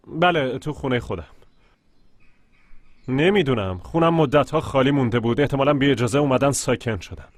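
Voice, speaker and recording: A man with a mid-range voice close to everyday speech dubs a film part as an argumentative, indignant man, protesting insistently that the house is his. There's no room sound, and music plays in the background.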